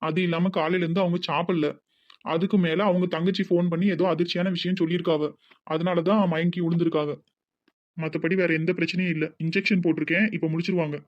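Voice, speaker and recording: A voice actor with a Tirunelveli Tamil accent playing a calm village doctor in a cartoon, explaining plainly. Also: medium pitch, fast, dull audio, close to an everyday voice. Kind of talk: animated cartoon voice acting.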